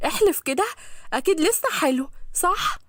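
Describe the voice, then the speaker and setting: A woman's voice: extremely high pitch, animated, normal speed, fairly bright tone, dry recording, studio quality. Woman doing Rahaf, a cheeky chattering Egyptian girl. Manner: chattering, teasing, sing-song. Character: young woman, playful and cheeky.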